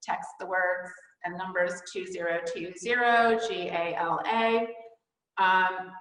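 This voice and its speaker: A woman's voice: fairly low pitch, fairly even intonation, slow, a bit bright. Woman hosting a gala in an echoing hall. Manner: many ums and uhs, thanking and announcing. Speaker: gala host. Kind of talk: live virtual gala hosting. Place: wood-panelled indoor hall. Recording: roomy hall with long reverb.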